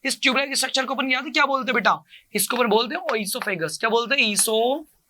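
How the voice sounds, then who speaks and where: A male coaching teacher giving a lecture. He asks each question, answers it himself in a lower voice, and repeats every term to drill it. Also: very fast, sharp tone, a little hiss or hum. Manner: keeps calling the listener "beta" and repeats each term. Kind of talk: classroom lecture with call-and-response drilling.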